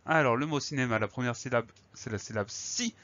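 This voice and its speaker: A man's voice: mid-range voice, brisk, a bit bright, no echo, lo-fi sound. A man teaching a spelling lesson, patiently spelling words out letter by letter.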